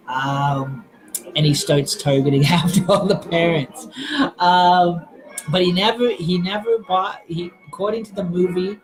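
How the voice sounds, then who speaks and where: Rambling man with a higher voice. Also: rough recording. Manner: hesitant, many fillers and restarts. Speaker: live stream host. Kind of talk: casual rambling chat.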